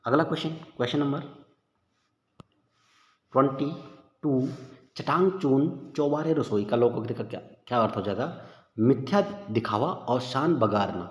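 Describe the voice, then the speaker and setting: A man's voice: medium pitch, lively intonation, normal speed, pauses often. A man teaching a casual exam-prep lesson, chatty and informal, calling listeners "bhai" and thinking aloud as he works through the questions. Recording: echoey room with long reverb, dull lo-fi sound.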